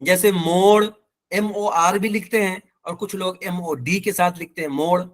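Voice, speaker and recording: A man with a Pakistani accent gives an online language lesson in a fairly high, light voice. He is patient and walks through each example slowly, saying it twice. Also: steady tone. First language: Urdu. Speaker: teacher.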